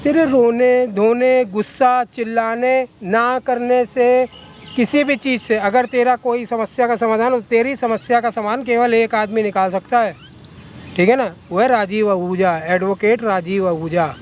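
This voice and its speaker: A man's voice: very high voice, steady tone, a little slow, slight background noise. A man playing a corrupt, coercive lawyer who talks down to a girl in a coaxing, threatening way. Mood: condescending. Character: corrupt scheming male lawyer, menacing and coercive. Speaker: villain in a short film.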